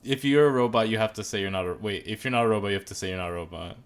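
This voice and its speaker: In rapid-fire fashion, a man with a lowish, clear, resonant voice co-hosts a podcast about a TV show. The chat is casual, and he rambles through jokes, opinions, and animated asides.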